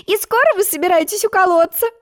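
A woman's voice: very high-pitched, fast talker, fairly bright tone, voice pushed up. A woman voicing an earnest, curious seven-year-old girl. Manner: plain, questioning, a little teasing.

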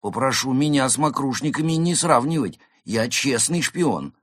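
A man voicing a proud male koala spy who talks slowly and sounds pleased with himself. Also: medium pitch, lively intonation, dry recording, clean studio sound, voice pushed up, close to an everyday voice. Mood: indignant. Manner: slow, drawn-out, self-satisfied. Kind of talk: audiobook character voice.

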